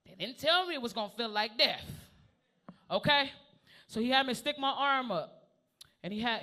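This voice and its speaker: On a comedy club stage, a man in his thirties with a high-pitched voice delivers a loud, foul-mouthed stand-up routine, repeatedly addressing the audience.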